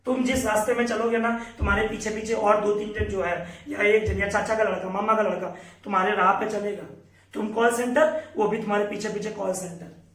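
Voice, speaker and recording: A man's voice: sits high, fairly even intonation, a little fast, a bit bright, roomy sound, recorded from a distance, poor audio. A young man teaching students, giving an earnest, emphatic motivational talk.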